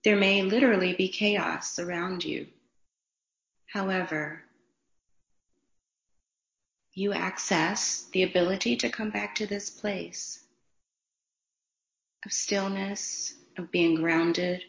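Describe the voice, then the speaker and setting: A woman guiding a meditation in a slow, soothing, unhurried way with long pauses. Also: mid-range voice, steady tone, vocal fry. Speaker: meditation guide. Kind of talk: guided meditation. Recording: roomy, dull lo-fi sound.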